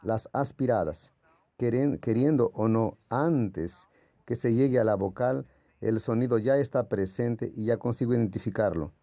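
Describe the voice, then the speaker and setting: A Greek language teacher whose first language is Portuguese delivers a patient, explanatory classroom lecture, sounding out letters as he goes. His voice is mid-range, unhurried and mellow, in a dry recording.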